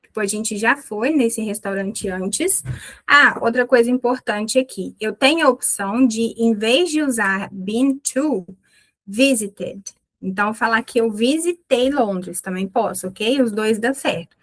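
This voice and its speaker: Chatty woman teaching English slowly. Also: a little high, rough recording. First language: Portuguese. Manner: chatty, explains slowly and repeats English phrases. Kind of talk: live online English lesson.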